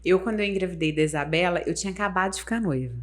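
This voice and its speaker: A woman in her thirties, a mother, chatting casually on a podcast in a confiding way, with soft asides. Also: on the low side, rapid-fire. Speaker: podcast guest, mother of one. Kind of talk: casual chat.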